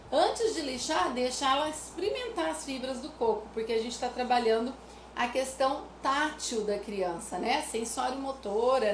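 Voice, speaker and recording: A woman from Brazil, explaining music activities for children to parents in a chatty way, often adding "né?". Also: sits high. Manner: chatty, repeats "né?" often, sings nursery rhymes as examples. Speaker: music educator. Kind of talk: casual teaching talk to parents. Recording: echoey room with faint noise.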